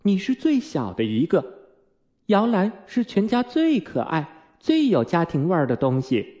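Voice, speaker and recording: A man's voice: high-pitched, wildly swooping pitch, unhurried, mellow, pitched above the performer's own voice, exaggerated voice. A man voicing a bossy, motherly girl who plays mother to a crowd of boys and scolds them fussily. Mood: exasperated. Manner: scolding, fussy.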